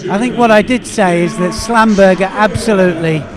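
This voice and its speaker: A man giving expert co-commentary in live sport, eager and halting with lots of fillers. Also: high voice, music in the background.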